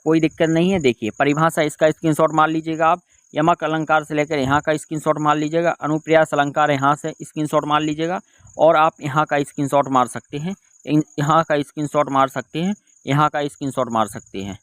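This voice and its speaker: A man's voice: on the high side, fairly even intonation, brisk, fairly bright tone, smooth, no echo. A man teaching an online exam-prep lesson, repeating key terms and asking and answering his own questions. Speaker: Hindi exam tutor.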